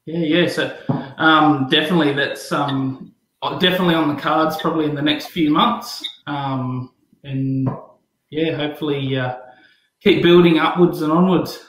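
A young man on a video call, speaking hesitantly with many pauses and fillers. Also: a little high, steady tone, fairly bright tone, reverberant, poor audio. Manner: hesitant, lots of ums. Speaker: guest business owner. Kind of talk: casual chat.

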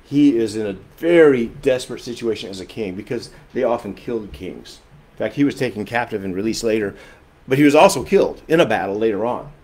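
A man's voice: lowish voice, brisk. Earnest male pastor preaching a sermon. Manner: earnest, emphatic, shifts often between loud and soft; repeats and restarts phrases while explaining.

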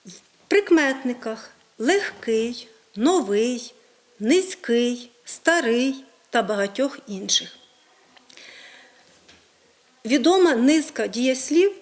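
A woman presenting a scripted language lesson on a regional TV program, clearly setting out example words one by one. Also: high-pitched, darkish tone. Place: studio.

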